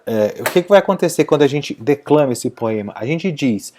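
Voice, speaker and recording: A man teaching a video lesson, his voice mellow and dark in tone. His pitch moves a lot as he explains step by step. He keeps checking that his listeners follow along. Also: expressive, brisk, a little hiss or hum.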